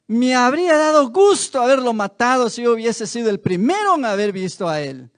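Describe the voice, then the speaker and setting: A man's voice: extremely high pitch, very animated, a little fast. A man playing a harsh, defiant army commander who scolds with indignant questions. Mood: scornful.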